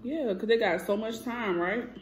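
A woman's voice: a little high, moderate pace, a little hiss or hum. A young woman hosting a casual mukbang vlog at home, chatting and rambling to her viewers as y'all into her phone. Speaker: vlogger. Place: home, indoors. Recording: echoey room.

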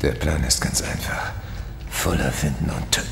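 Horror radio play hero: grim hunter, low register, clipped lines, reverberant and noisy. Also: male voice, steady tone, normal speed, fairly bright tone, heavily acted. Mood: grim, controlled. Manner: terse, matter-of-fact. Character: grim, determined male demon hunter, blunt leader. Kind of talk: horror audio drama acting. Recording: echoey reverberant room, clear background noise.

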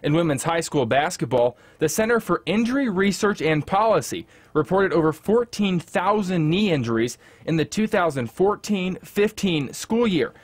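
A male reporter reading a scripted news feature in a measured storytelling delivery. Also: sits high, animated.

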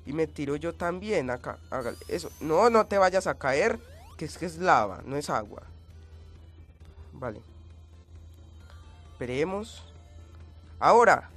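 A man's voice: on the high side, sing-song, measured pace, pauses often, fairly bright tone, faint music behind. A man giving gameplay commentary, coughing and sounding changed by a cold, yelping and screaming at in-game hazards. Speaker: let's play gamer.

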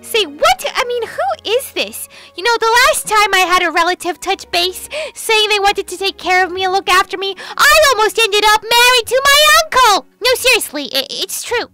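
A woman voicing a chatty young girl heroine in a game roleplay, rambling and animated. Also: very high-pitched, moderate pace, few pauses, soft background music, full character voice. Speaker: channel host. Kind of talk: Minecraft roleplay voice acting.

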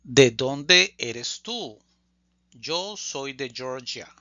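A man teaching a language lesson, reading phrases slowly and deliberately and repeating them for learners. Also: medium pitch, animated, pushed and bright, dry recording, dull audio. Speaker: Spanish teacher. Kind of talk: slow scripted language lesson.

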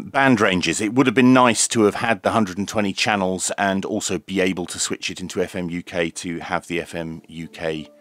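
A radio reviewer with a low yet fairly bright voice gives an unscripted, hands-on product demonstration. He explains each step in a matter-of-fact, methodical way.

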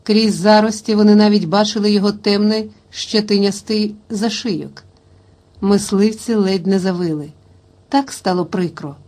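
A woman's voice: mid-range voice, steady tone, normal speed, darkish tone. Woman narrating an audiobook. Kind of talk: audiobook narration of a historical novel.

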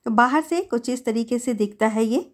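A middle-aged woman gives a relaxed, chatty voice-over for her family's outing, linking each step with easy storytelling. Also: a little high, normal speed. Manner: chatty, easygoing storytelling with many "to" linkers. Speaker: family vlogger.

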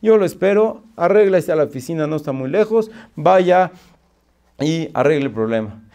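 A man's voice: on the high side, expressive, moderate pace, warm tone, pitched above the performer's own voice. A man voicing a polite male delivery driver who pleads and explains. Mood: pleading.

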